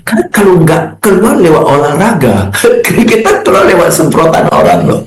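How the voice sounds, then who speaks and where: A man's voice: a little high, big pitch swings, moderate pace, roomy sound, slight background noise, low-quality recording. A man speaking as a guest on a radio business talk show, emphatic and rhetorical, often mixing English phrases into his talk.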